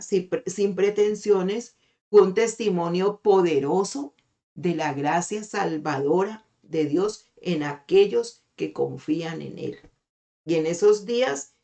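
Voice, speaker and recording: A middle-aged woman pastor gives a devotional sermon over an online meeting call. Her voice sits low, and she talks expressively, pausing often to put rhetorical questions to her listeners. She slows down whenever she reads scripture aloud. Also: vocal fry, a little mellow.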